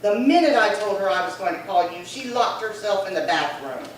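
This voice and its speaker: An actress in an old-time radio crime drama plays an indignant, bossy sister who scolds emphatically and keeps repeating herself. Her medium-pitched voice is expressive, brisk and close to everyday speech, picked up by a distant mic in a very echoey room with faint noise.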